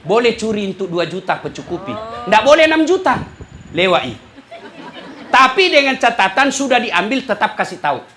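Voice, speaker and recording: A man preaching a humorous sermon, acting out dialogues and swinging between shouting and soft asides. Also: sits high, sing-song, normal speed. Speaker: Islamic preacher. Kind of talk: lively sermon to a crowd. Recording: crowd and faint noise behind.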